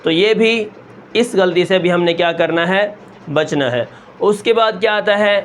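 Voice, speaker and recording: A man teaching Quran recitation step by step, asking questions and answering them himself, and stretching sounds slowly to show them. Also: sits high, a little hiss or hum. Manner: asks the class a question, then answers it himself; draws out sounds long and slow to show them.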